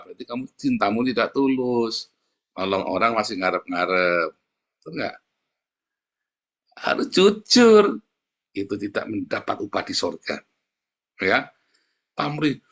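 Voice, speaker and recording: A middle-aged male pastor preaching a casual, animated sermon and acting out the voices in his stories. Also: medium pitch. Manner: casual, animated, acts out dialogue. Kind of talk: conversational sermon.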